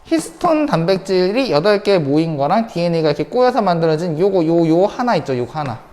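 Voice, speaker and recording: Lively woman teaching a science class. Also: on the low side, brisk, long reverb tail. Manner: lively, repeats key points, asks rhetorical questions. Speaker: high school science teacher. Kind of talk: online lecture.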